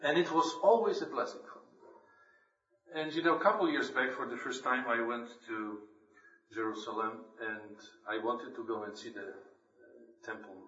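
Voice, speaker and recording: A Polish lay preacher reads scripture and gives a devotional talk at a church meeting, earnest and emphatic. His voice sits on the low side, bright and forceful. The church recording sounds roomy, distant and dull.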